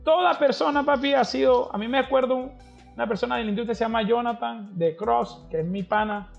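A man's voice: very high-pitched, a little fast, creaky. A man, telling stories as a podcast guest in casual, slangy talk and acting out the people he quotes. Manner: animated, slangy, acts out quoted voices. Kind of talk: casual storytelling interview. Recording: slightly dull podcast audio with faint music.

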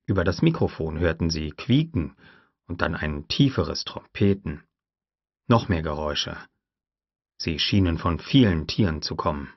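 Low male narrator, measured storytelling, dry and dull lo-fi recording. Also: animated, no room sound. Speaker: audiobook narrator. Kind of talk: scripted narration.

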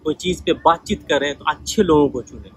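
A man's voice: fairly high pitch, a little fast, breathy edge, low-quality recording. A man telling personal stories in a casual monologue, acting out the lines of people in them. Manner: conversational, retells dialogues in quoted voices. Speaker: vlogger sharing life lessons.

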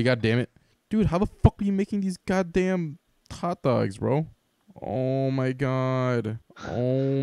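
A young man playing a co-op cooking game, excitable and swearing, often bursting into panicked shouts and laughter. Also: mid-range voice, no echo, clean studio sound. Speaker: gamer playing co-op. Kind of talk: casual gameplay chat.

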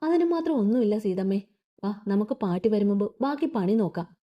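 A worn-out young mother-to-be speaks faintly, brushing off worry and talking softly to her unborn child, as a woman reader does her. The recording is dull and lo-fi. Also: mid-range voice, animated, a little fast, close to an everyday voice. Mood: weary. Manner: faint, reassuring. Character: weary young pregnant woman, brave and soft.

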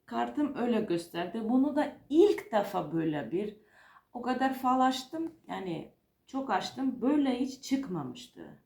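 A woman's voice: on the high side, big pitch swings, measured pace, gravelly, darkish tone. A woman fortune teller giving an informal, unscripted card reading, explaining hesitantly and repeating herself as she goes. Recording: roomy, echoing home-style recording.

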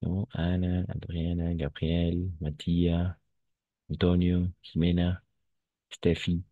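A man's voice: low-pitched, monotone, takes it slowly, dry recording, narrow, tinny audio. A male French teacher giving an online class, patiently repeating words and switching into Spanish to explain them.

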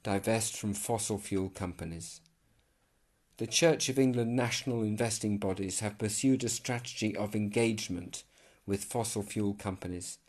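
A man reading out a formal letter as scripted narration, measured and even. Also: fairly low pitch.

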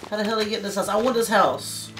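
A woman's voice: mid-range voice, fairly even intonation, very fast, fairly bright tone, faint music behind. Blunt, cursing middle-aged woman gaming. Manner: blunt, swears freely, folksy grammar. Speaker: gamer, mother playing with her daughter. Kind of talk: casual gaming chat.

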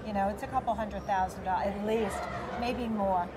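A middle-aged expo organizer, speaking in a mid-range voice with fairly even intonation and a moderate pace, fields interview questions in a chatty way, leaning on many fillers and gesturing. The setting is a large indoor convention center hall, where crowd chatter fills the background.

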